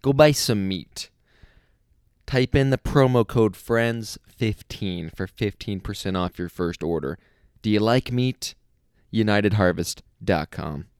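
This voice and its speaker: A man's voice: fairly low pitch, slow, darkish tone, smooth, no echo, clean studio sound. A man, a podcast host, putting on a pushy, over-the-top ad-announcer voice. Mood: hammy salesy.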